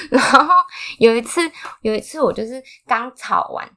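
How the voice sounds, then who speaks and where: A young woman with a Taiwanese Mandarin accent co-hosts a podcast, sharing a personal story with feeling and laughing along the way in casual chat. Her fairly high voice is animated, bright and pushed, at a normal speed.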